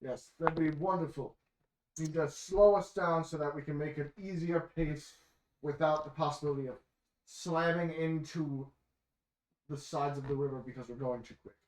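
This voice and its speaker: A man narrating as game master of a tabletop game in a relaxed, joking way. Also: on the high side, moderate pace. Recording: echoey room, faint noise.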